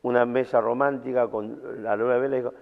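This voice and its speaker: Rioplatense preacher, slangy, tinny hall. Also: male voice, mid-range voice, steady tone, fairly quick, gravelly. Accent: Rioplatense Spanish. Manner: colloquial, storytelling, slangy. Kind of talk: sermon at a camp. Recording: tinny sound in a reverberant hall.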